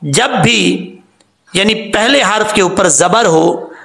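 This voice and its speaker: A man with a high, gravelly voice gives a Quran pronunciation lesson. He explains the rules plainly and draws out sounds slowly so learners can copy them. The room has an echo. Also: expressive, fairly bright tone. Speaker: Quran recitation teacher. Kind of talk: tajweed lesson.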